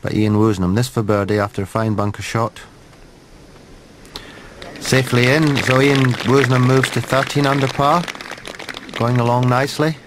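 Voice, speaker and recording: A middle-aged man giving shot-by-shot live golf commentary in terse, measured, clipped phrases. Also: medium pitch, steady tone. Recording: noisy outdoor broadcast ambience.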